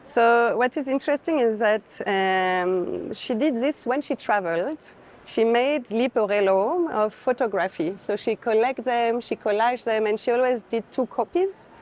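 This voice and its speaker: A female curator who isn't a native English speaker chats casually about art while moving through an art fair, often searching for words. Her voice is fairly high, unhurried and a little mellow, set against the noisy bustle of the fair.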